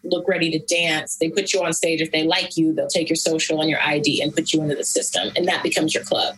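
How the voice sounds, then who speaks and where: A woman's voice: flat delivery, fast, fairly bright tone, rough recording. A young woman speaking frankly and casually as an interview guest, laughing easily. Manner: frank, casual, laughs often, jumps up high for quoted voices. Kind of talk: candid conversational storytelling.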